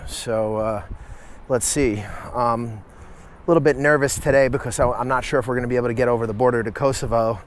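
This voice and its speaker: A man's voice: mid-range voice, steady tone, a little fast, a little hiss or hum. A man talking casually to camera as a travel vlogger while walking around a hilltop fortress, thinking aloud with fillers. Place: outdoors at a hilltop fortress in a city.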